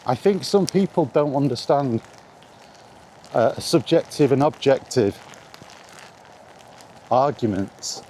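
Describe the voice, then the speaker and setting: In this rainy outdoor walk-and-talk vlog, a middle-aged British video maker wanders casually through his views on video games, mildly sweary and informal. His warm, medium-pitched voice is animated, and he takes things slowly with long pauses. The recording picks up faint outdoor ambient noise.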